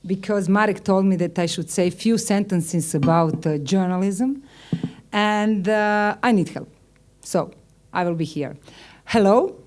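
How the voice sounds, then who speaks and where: A woman from Croatia with a Croatian accent gives formal opening remarks in halting non-native English, often dropping articles. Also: medium pitch, darkish tone. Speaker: conference speaker, journalists' union leader.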